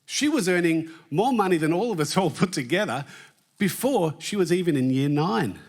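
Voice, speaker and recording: A man's voice: sits high, lively intonation, moderate pace. A man giving a jokey, chatty talk on a conference stage and quizzing the live audience. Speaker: conference presenter.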